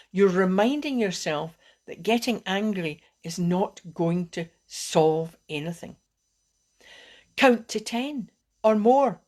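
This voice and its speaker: This fairly low-pitched woman is a wellbeing coach leading calming techniques over a live video. She sounds gentle and encouraging, and she often starts her sentences over.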